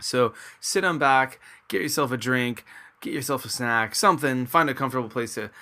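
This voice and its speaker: A man from Nova Scotia, Canada, hosts a casual podcast from a small home studio room with a floor fan. He's upbeat and chatty, full of fillers, speaking at normal speed in a mid-range voice with a sharp tone.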